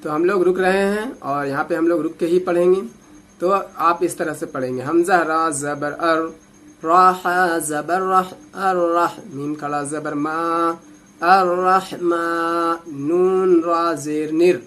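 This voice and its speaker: हिंदी-उर्दू लहजे वाला एक पुरुष कुरान शिक्षक, जो आयतें धैर्य के साथ एक-एक हिज्जे में तोड़कर धीरे-धीरे पढ़ाता है।. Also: male voice, fairly high pitch, fairly even intonation, a bit bright, slight background noise. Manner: patient, drawn-out syllable drilling. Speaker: Quran teacher. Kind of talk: slow spelled-out recitation lesson.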